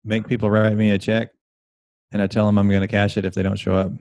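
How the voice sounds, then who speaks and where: A man's voice: lowish voice, flat delivery, fast, darkish tone, dry recording. Confident male coach, dry sound. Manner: confident, explanatory, sales-like. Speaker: mindset coach and speaker. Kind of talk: interview guest explaining his method.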